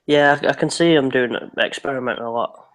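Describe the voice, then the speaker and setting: Man, mid-range voice, rambling and easygoing in a relaxed live-stream chat. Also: mid-range voice, fairly quick. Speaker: co-host of a live reaction stream. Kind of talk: casual chat.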